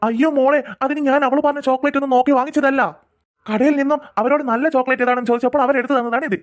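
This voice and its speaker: Woman voicing a pleading cartoon father, rather high voice, talks fast. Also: fairly even intonation, close to an everyday voice. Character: soft pleading father, flustered and apologetic. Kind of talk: cartoon voice acting.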